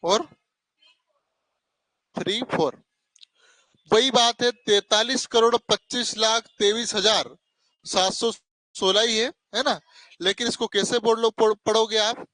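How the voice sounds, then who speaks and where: A man's voice: high-pitched, fairly even intonation, takes it slowly, pauses often, sharp tone, dry recording, rough recording. A male teacher giving a classroom lecture, asking questions and answering them himself, calling students "beta" and correcting himself as he goes. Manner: corrects himself mid-explanation.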